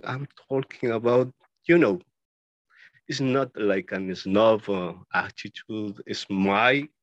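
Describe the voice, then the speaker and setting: A man speaks slowly, stopping often and piling up lists of words as he explains his paintings. The recording is dry and close, without room echo. The sound is a little dull and lo-fi. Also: medium pitch, fairly bright tone. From Ecuador. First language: Spanish. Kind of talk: casual talk about his own paintings. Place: his art studio.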